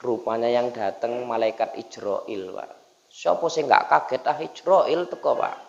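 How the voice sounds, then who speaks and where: This preacher's medium-pitched voice is gravelly and darkish, delivered at a measured pace as he jokes through a dawn sermon in a mosque, ribbing the congregation and addressing them as "Pak" again and again. The dull, lo-fi recording has a big-room sound.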